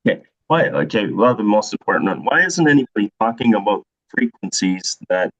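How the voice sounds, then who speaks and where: A man's voice: fairly low pitch, very animated, brisk, fairly bright tone. A man calling in with a hesitant question, full of ums and likes, his voice coming through a call signal that keeps breaking up. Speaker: caller. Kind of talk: casual question to a guest. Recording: muffled lo-fi call line.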